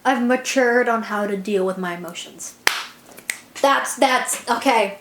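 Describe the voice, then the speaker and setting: A woman's voice: fairly high pitch, a little slow, noisy background. A young woman vlogging casually, rambling and self-conscious, with constant "like" fillers. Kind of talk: casual confessional chat. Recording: echoey room.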